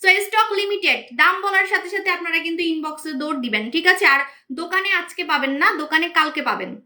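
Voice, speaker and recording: A woman hosting a live-stream sales pitch for beauty products, hyped and repetitive, answering viewer comments as she goes. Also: fast, bright, forceful tone. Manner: repetitive, hyped, keeps saying "okay". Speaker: online shop host selling beauty products.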